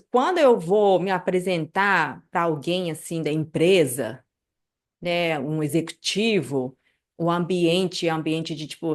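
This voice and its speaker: A woman teaching a casual live online class, chatty and animated, checking in with listeners often. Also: lowish voice. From Brazil. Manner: chatty, many fillers like "né" and "tá", animated asides. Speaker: Japanese language teacher.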